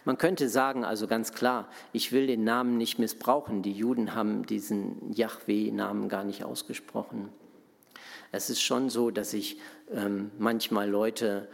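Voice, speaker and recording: A man's voice: lowish voice, flat delivery, measured pace, vocal fry. A man preaching in an interactive, conversational way, asking his listeners questions as he explains a Bible passage. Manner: asks the audience questions, conversational. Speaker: pastor. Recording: long hall reverb.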